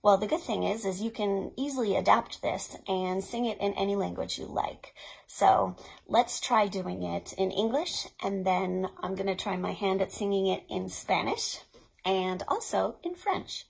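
An American woman in her thirties, a children's librarian, hosts storytime inside a small indoor play tent, encouraging and instructing young children and their parents. Her medium-pitched voice is unhurried, slightly rough and marked by vocal fry, and the audio is poor.

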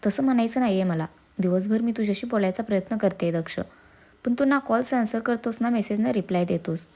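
A woman voicing a reproachful, sharp-tongued young wife in a storybook reading. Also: medium pitch, fairly quick, natural voice. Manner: reproachful, sarcastic.

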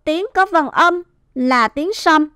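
A woman teaching first-grade reading, sounding out and stretching each syllable clearly for young children. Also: high-pitched, slow, sharp tone, no room sound, clean studio sound. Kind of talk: slow, clear phonics teaching.

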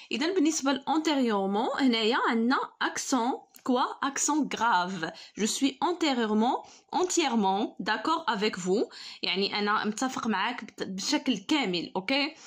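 A young Moroccan woman teaches an online school lesson in a fairly high, husky voice. She talks quickly when she explains, and reads the French words slowly and carefully. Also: lively intonation.

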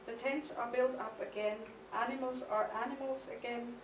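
A slightly high, steady voice belongs to a middle-aged woman with a German accent, an artist reading her prepared, partly poetic conference lecture from a podium. She reads in a measured, reflective way, hesitating now and then. The setting is the stage of a mid-sized studio hall with a podium mic on a stand; the recording, made from the camera's distance, is echoey with a noisy background.

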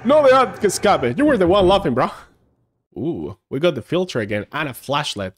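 Very animated and fairly quick, his fairly high voice carries a little hiss or hum. He is a man in his thirties streaming a horror game live on a headset mic from a room at home, joking and laughing at himself, with game music in the background.

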